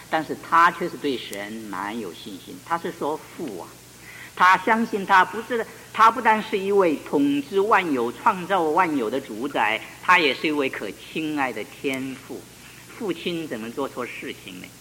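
A man preaching a sermon and reading scripture aloud, animated, with rhetorical questions and loud shouted calls. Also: on the high side. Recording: long hall reverb, faint tape hiss.

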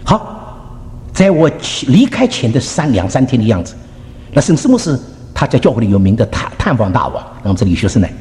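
Animated older male pastor telling stories. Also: mid-range voice, fairly quick, long reverb tail. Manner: animated storyteller, chuckling, acts out quotes, mixes in English words. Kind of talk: sermon with personal stories.

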